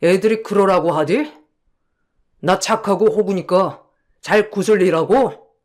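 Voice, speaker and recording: A man playing a gentle husband in a radio drama who coldly rebukes the friend who swindled him. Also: high voice, measured pace. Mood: bitter. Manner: bitter, cold, reproachful. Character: kind-hearted husband, finally fed up with a swindler friend.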